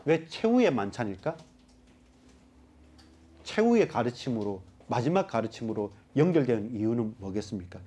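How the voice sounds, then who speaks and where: A man preaching a sermon as pastor, talking straight to his congregation and explaining scripture with lively emphasis. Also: mid-range voice, breathy edge. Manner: animated preaching, addressing the congregation directly.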